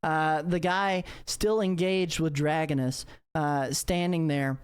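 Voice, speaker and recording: A woman's voice: low-pitched, steady tone, clean tone. A woman narrating a tabletop game as game master, with many fillers and restarts. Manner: filler-heavy, halting narration.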